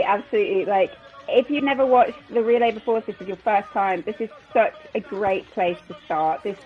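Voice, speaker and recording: A woman's voice: mid-range voice, lo-fi sound. A woman giving live sports commentary as color commentator, enthusiastic and full of fillers and restarts.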